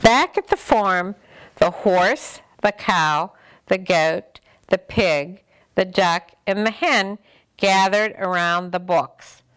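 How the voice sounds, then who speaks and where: An older woman reads a picture book aloud to children, gentle and expressive. Her voice is smooth and clear, at a middle pitch, and she takes her time with every line. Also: takes it slowly. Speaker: storyteller.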